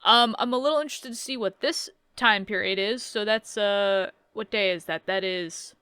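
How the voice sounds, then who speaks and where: Bright, clear-voiced woman in her thirties. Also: medium pitch, normal speed, no echo. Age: 30s. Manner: reads on-screen text aloud, then adds wry joking asides. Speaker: let's play host. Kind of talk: casual playthrough commentary.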